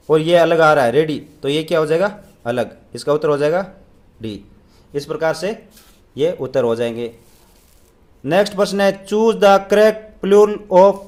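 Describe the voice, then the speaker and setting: A young man teaching an English exam paper, asking questions and answering them himself, reading the English lines out slowly. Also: a little high. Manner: asks and answers own questions.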